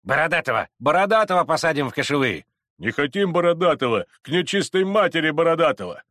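A man voicing a rowdy, drunken crowd of male Cossacks, shouting roughly in a storybook reading. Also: fairly high pitch, big pitch swings, fast talker, no echo, clean studio sound, voice pushed up. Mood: shouting angrily.

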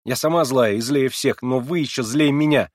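A man reading aloud and voicing a distraught, defiant young orphan girl who shouts and sobs. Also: normal speed, no room sound, studio quality, natural voice. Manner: shrill, sobbing, shouting outbursts.

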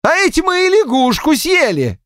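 A man's voice: very high-pitched, huge pitch swings, normal speed, a bit bright, dry recording, clean studio sound, voice pushed up, exaggerated voice. A male audiobook narrator voicing a hot-tempered Cossack man who bellows fiercely. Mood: outraged.

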